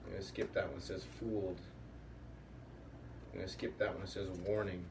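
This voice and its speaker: A low, flat, brisk male voice with vocal fry leads a puppetry workshop in an offhand, improvised style, rambling as he thinks things through. The mic sits at a distance, and faint room noise is audible.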